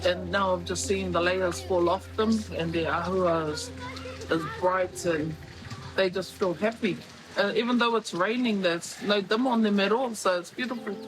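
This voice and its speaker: A man's voice: high voice, normal speed, over music, low-quality recording. A man speaking reflectively in an unscripted interview. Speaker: documentary participant.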